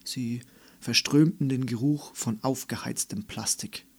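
Male narrator for a children's book, unhurried, calm, mid-pitched. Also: slightly rough. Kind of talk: scripted storybook narration.

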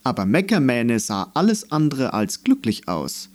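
A man reading a storybook aloud as narrator in a gentle, expressive way. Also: mid-range voice, normal speed.

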